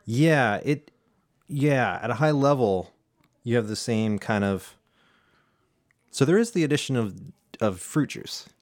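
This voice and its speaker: A man's voice: medium pitch, expressive, measured pace, long pauses, no room sound. A man hosting a casual chat, explaining a drink recipe with plenty of fillers and restarts. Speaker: home bartender host.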